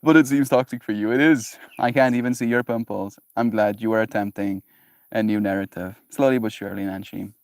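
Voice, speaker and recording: A man hosting a casual livestream, reading chat messages and answering them in an animated way, laughing often. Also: lowish voice, fairly quick, no room sound.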